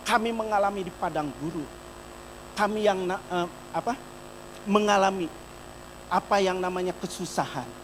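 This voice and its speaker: A middle-aged man preaching a sermon in church, telling a personal testimony and speaking directly to the congregation, moving between loud emphatic peaks and soft, quiet storytelling. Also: high voice, moderate pace, long pauses, noisy background. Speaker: pastor.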